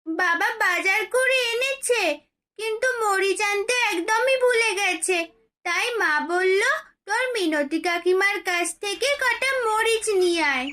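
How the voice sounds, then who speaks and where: Tinni, a high bright young girl. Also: measured pace, exaggerated voice. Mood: earnest. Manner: pleading, childlike.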